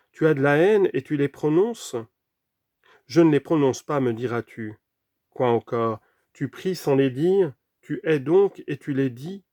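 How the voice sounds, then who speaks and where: Guy reading a sermon, earnest and deliberate, quiet on scripture refs, dry close sound. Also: medium pitch, no room sound. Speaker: reader of a sermon.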